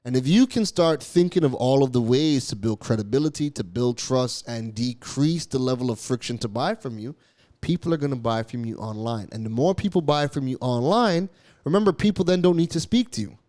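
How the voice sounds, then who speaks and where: Raised in Canada, this man hosts a solo business podcast, speaking at medium pitch with a dark tone, animated and a little fast. He talks emphatically, repeats key phrases and now and then stumbles over his words.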